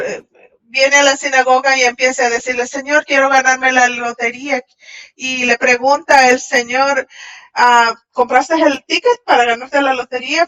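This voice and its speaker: Bright-voiced woman giving a translated sermon. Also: sits high. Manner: halting, with restarts and fillers. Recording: dull lo-fi audio.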